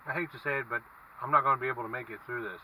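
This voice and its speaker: A man talks through a casual food review in a very bright, edgy voice. He muses haltingly between bites inside a car. The mic sits at a distance, and faint traffic noise runs underneath. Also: medium pitch, steady tone. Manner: halting, musing. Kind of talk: casual vlog review, talking while eating. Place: inside a parked car with windows down.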